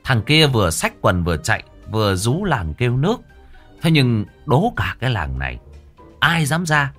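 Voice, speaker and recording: A man narrating a comic ghost story in an animated, colloquial, earthy way. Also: medium pitch, normal speed, soft background music.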